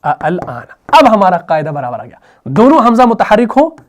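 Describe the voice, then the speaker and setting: A man with an Urdu accent teaching tajweed, explaining lively and often asking his students questions. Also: high-pitched. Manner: lively explaining, repeats questions to students, slow melodic recitation. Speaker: Quran recitation teacher. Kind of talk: tajweed lesson.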